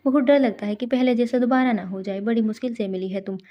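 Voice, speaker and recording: A woman's voice: a little high, steady tone, fast talker, lightly acted. Worried middle-aged mother, read by a woman narrator; dull audio.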